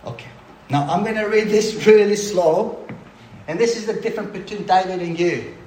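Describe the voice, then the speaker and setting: A man preaching a sermon in a lively, conversational way, breaking off for quick asides to the room. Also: high voice. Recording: roomy hall sound with faint ambience.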